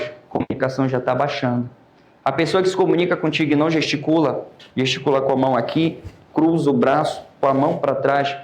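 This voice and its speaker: Lively Brazilian teacher in an echoey classroom. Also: male voice, mid-range voice. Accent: Brazilian Portuguese. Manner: lively, questions students by name. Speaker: oratory teacher. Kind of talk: classroom lecture.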